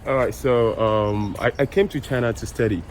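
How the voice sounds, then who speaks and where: A man's voice: medium pitch, steady tone, moderate pace, slight background noise. A man from Ghana introducing himself in a laid-back, chatty way, often repeating his words. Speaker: interviewee.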